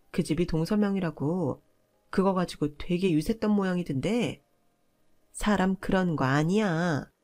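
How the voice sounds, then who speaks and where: A woman's voice: on the low side, mellow, close to an everyday voice. A woman voicing an overbearing, entitled middle-aged sister-in-law who talks down to others in a scolding tone. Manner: scolding, condescending.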